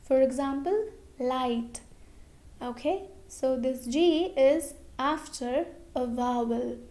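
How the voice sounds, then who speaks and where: A woman's voice: sits high, slow, warm tone. A woman teaching English pronunciation, repeating example words and saying okay often. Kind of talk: slow explanatory lesson.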